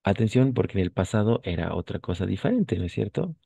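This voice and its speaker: A man with a very low, gravelly, slightly husky voice gives a language lesson. He talks patiently, repeating and spelling words letter by letter. The sound is dry, with no room echo. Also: sing-song, a little fast, dark tone. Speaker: French teacher.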